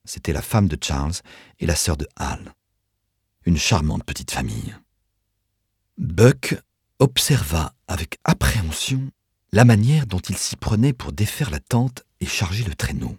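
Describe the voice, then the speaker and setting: A man narrating an audiobook in an expressive storytelling manner. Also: deep voice, unhurried, breathy edge, dry recording, studio quality.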